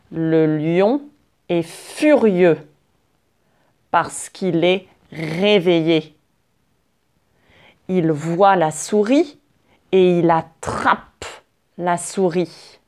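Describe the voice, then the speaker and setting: Woman teacher narrating a fable, very slow, lowish voice, clear and repetitive. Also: darkish tone. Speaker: French teacher. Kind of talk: slow storytelling for learners.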